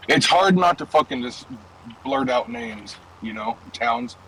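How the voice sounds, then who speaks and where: A man's voice: mid-range voice, expressive, a little slow, fairly bright tone, slight background noise, low-quality recording. A young man streaming and chatting loosely from his car, rambling through stories with plenty of swearing. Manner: loose, profane, rambling storytelling. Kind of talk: casual chat while gaming and driving.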